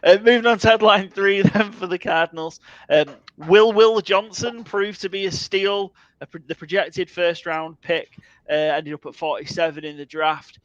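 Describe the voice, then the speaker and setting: A man's voice: high voice, steady tone, moderate pace, a bit bright, dry recording, highs cut off. A man co-hosting a casual football podcast, joking and swearing as he reads out segment headlines. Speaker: podcast co-host. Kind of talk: casual sports podcast chat.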